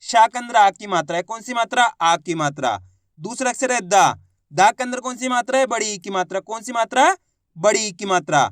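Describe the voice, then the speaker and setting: A young adult man teaching an online Hindi reading lesson, sounding out syllables slowly and drawing out words, encouraging viewers as friends. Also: high-pitched, fairly bright tone, dry recording, clean studio sound. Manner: slow, drawn-out syllable-by-syllable pronunciation.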